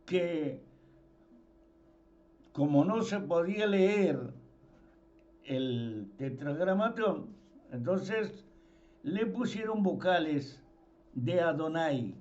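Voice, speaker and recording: A man gives an informal sermon slowly, in a voice that's high for a man and a little mellow. He stresses points by repeating words, and the recording comes across as dull and lo-fi.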